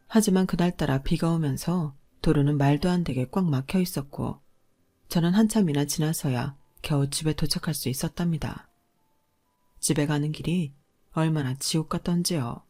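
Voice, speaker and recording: A woman reading a first-person story as narrator in a calm, even way. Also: deep voice.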